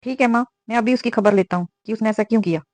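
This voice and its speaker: A woman voicing a young adult son in a cartoon, speaking quickly and impatiently. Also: a little high, a little mellow, no room sound, lightly acted. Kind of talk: cartoon voice acting.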